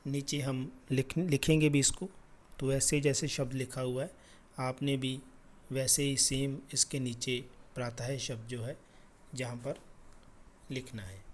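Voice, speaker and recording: A man teaching a class lesson, patiently repeating sounds slowly for children. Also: medium pitch.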